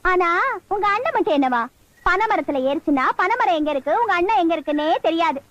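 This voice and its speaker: A woman's voice: extremely high pitch, lively intonation, brisk, fairly bright tone, muffled recording. A mocking, nosy village woman. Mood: teasing. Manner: chatty, mocking banter. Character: teasing, nosy village woman who runs the customs. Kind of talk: Tamil film comedy acting. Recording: film scene with score behind.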